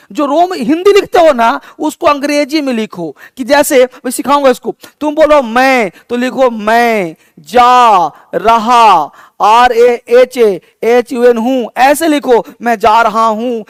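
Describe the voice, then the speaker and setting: High-voiced energetic man teaching a live class. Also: smooth, no echo, studio quality. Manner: energetic, emphatic, repeats words to drill pronunciation. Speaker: English teacher.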